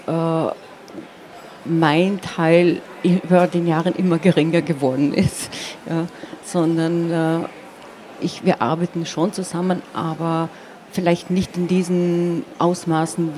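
Low-pitched, dark and flat, the voice belongs to a poet from Carinthia, southern Austria, who grew up speaking Slovenian. As an interview guest she reflects and explains in a halting, searching way, often saying "ja," and the noisy recording carries clear ambient background sound.

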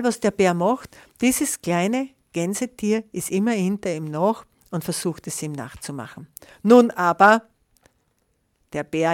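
A woman reading a children's picture book aloud in a lively way, pausing to describe the pictures. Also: lowish voice. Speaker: storyteller.

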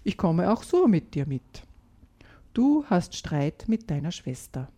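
A woman reading a story aloud and voicing a gentle, patient father of two small children in a soft, quiet voice. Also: fairly low pitch, sing-song, takes it slowly, full character voice.

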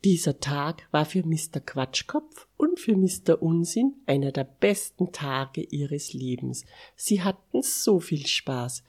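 A woman reading a bedtime story to children, expressive and dropping to a whisper for asides. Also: sits low, slow, slightly rough.

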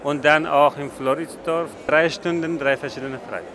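A man from Afghanistan speaks slightly high, in plain and halting sentences with pauses. He is being interviewed in a big indoor event hall. The recording carries a clear layer of noise. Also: steady tone. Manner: simple, halting German with pauses. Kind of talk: casual interview talk.

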